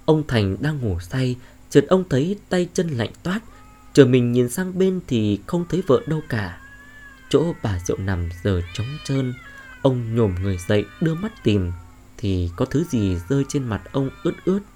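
A man's voice: mid-range voice, normal speed. A man narrating a horror story in a dramatic, suspenseful way. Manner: expressive, suspenseful.

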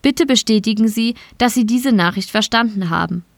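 A woman's voice: fairly high pitch, normal speed, creaky, no echo, clean studio sound. Woman reading as a polite, impersonal wrist-chip system. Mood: formal.

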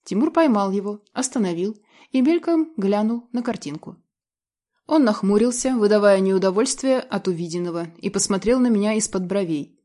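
A woman's voice: medium pitch, normal speed, warm tone. Audiobook narrator, woman; tense, emotional first-person reading of a drama.

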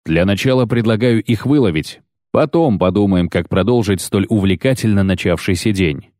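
Geralt, a man reading him, deep and curt. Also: moderate pace, a little mellow, no echo, natural voice. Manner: curt, cold and grumbling. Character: gruff terse grown male monster hunter.

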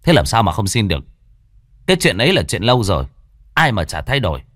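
A man's voice: on the low side, big pitch swings, quick pace, a bit bright, no echo, studio quality. A man voicing an idle, hot-tempered grown son in a spoken ghost story, snapping and dismissive.

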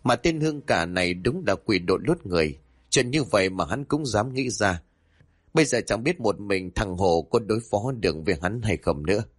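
A man's voice: on the low side, animated, moderate pace, slightly rough, dry recording, studio quality. A man voicing a worried, kindly older male landowner in a spoken ghost story, asking anxious questions.

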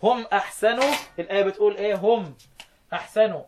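An Egyptian man teaching Quran recitation, quizzing his students and slowly chanting verse lines between his explanations. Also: high voice, noisy background. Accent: Egyptian Arabic. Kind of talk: interactive classroom lesson.

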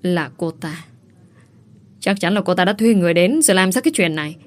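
A woman's voice: lowish voice, a little fast, lightly acted. A woman voicing a young woman who protests her innocence in an indignant, tearful way. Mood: defiant. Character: young woman, wronged and defiant.

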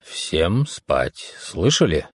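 A man playing a commanding military colonel, deep, curt, dry recording. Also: sing-song, drawn-out words, husky, dry recording, heavily acted. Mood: stern. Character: stern older male colonel, commanding.

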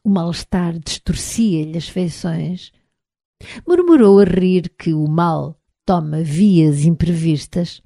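A woman with a European Portuguese accent narrating an audiobook in a measured, even reading, recorded on a close mic. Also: lowish voice, dry recording.

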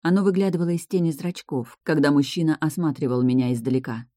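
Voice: medium pitch, fast talker, warm tone, no room sound, studio quality. A narrator reading a first-person fantasy novel aloud. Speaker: audiobook narrator.

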